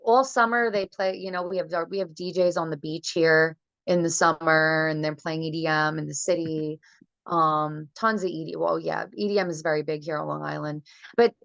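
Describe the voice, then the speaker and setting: A woman's voice: sits low, fairly even intonation, normal speed, creaky, fairly bright tone, no echo. A woman singer talking casually and chattily in a remote interview, heard over a conference call whose audio breaks up. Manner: chatty, loose, many fillers. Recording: dull lo-fi call audio, dry.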